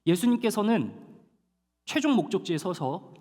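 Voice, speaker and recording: A male pastor preaching a sermon to a young adult congregation, animated and storytelling, with dramatic slowdowns for emphasis. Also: sits high. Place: church hall. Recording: long hall reverb.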